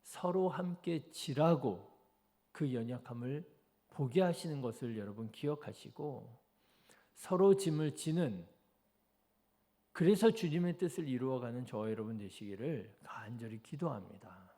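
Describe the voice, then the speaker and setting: Korean pastor preaching, mellow voice. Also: male voice, mid-range voice, animated, a little slow. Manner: preaching with rhetorical questions to the congregation. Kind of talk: dawn service sermon. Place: church sanctuary.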